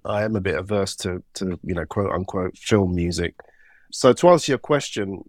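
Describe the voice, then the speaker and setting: A man with a London accent and a slight sore throat, answering interview questions thoughtfully with many pauses and fillers. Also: fairly low pitch, dry recording, studio quality. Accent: London English. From England. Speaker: composer guest.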